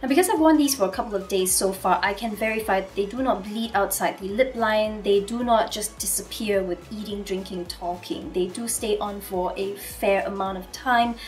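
Hoarse, nasal woman reviewing lipsticks. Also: mid-range voice, moderate pace, few pauses, far from the mic, faint music behind. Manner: chatty, with frequent uh fillers. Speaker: beauty reviewer. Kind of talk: casual product review to camera. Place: Singapore.

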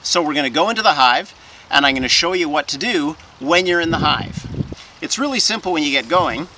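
A man's voice: a little high, animated, a little fast, bright, forceful tone, slight background noise, poor audio. A man in his forties who runs a beekeeping vlog, explaining step by step while he works outdoors beside his hives. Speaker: beekeeping vlogger. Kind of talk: casual how-to vlog. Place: outdoors in a garden beside beehives.

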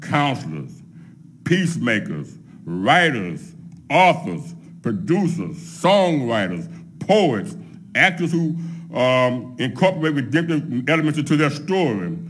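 Slow, measured preacher man at a pulpit. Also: mid-range voice, big pitch swings. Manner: measured preaching, lists points one by one. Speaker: pastor. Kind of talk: sermon. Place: church sanctuary at a pulpit, empty pews behind. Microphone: microphone on a pulpit stand.

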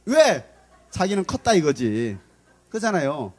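A husky-voiced middle-aged pastor preaching to young people, his pitch leaping high and low. He bursts into shrill, shouting impressions of scolding mothers, then drops back into a low, steady delivery. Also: measured pace. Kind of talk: youth sermon. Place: church hall.

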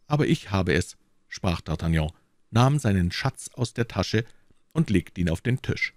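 A man's voice: sits low, very animated, measured pace, a little mellow, dry recording, clean studio sound, voice pushed down. A man voicing an eager, determined young musketeer in an audiobook reading, speaking urgently and insistently. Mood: assured.

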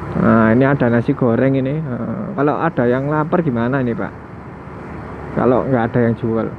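A man with a medium-pitched voice talks at normal speed while riding a motorbike on city streets at night. The motovlogger chats casually to his viewers, musing aloud and chuckling now and then, through a headset mic in his helmet that sounds tinny and picks up loud road noise.

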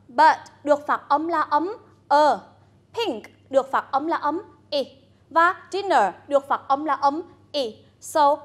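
High, slow-speaking Vietnamese woman teacher. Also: a bit bright. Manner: slow, deliberate, coaxing prompts to students. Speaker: English teacher. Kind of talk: bilingual classroom lesson.

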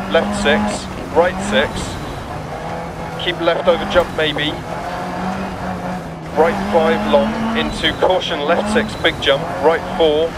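A man playing a focused rally co-driver in a racing game, calling rapid pace notes in clipped, businesslike, urgent phrases. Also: on the high side. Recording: loud car engine and tyre noise. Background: racing car engine, gravel and tyre noise.

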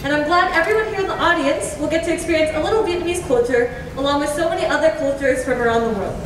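High-voiced teen girl announcing on stage. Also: fast, noisy background. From United States. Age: teens. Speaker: fashion show announcer. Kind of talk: reading prepared remarks on stage. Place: large school auditorium stage. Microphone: handheld mic, heard from far off. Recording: echoey auditorium from far off, loud crowd and music.

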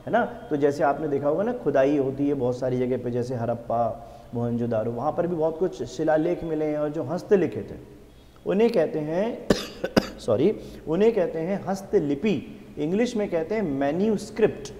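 A man teaching an exam-prep vocabulary lesson. He reads English definitions out slowly and repeats each answer back as a question. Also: fairly high pitch, animated, dark tone, in a large hall. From India.

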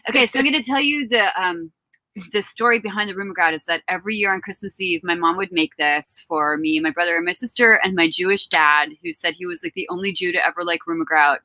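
A woman co-hosting a casual book chat from an outdoor tent, telling lively, laughing family stories into a laptop mic. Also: lowish voice, quick pace, no room sound, poor audio. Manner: bubbly, laughing, storytelling. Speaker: author co-hosting a book event.

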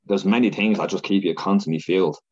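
An Irish man, a podcast guest, talking fast and animated in a casual interview chat. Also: low voice, breathy edge, muffled recording. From Ireland.

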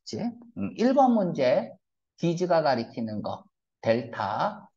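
Lively-pitched male teacher, dull lo-fi audio. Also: slow. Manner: asks rhetorical questions, blunt slangy asides. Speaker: English reading teacher. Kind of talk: classroom lecture on reading comprehension. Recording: dull lo-fi lecture recording.

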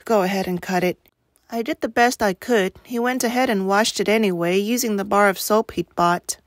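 Teacher lady reading a novel out loud, steady and even, dry close mic. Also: mid-range voice, normal speed, dry recording.

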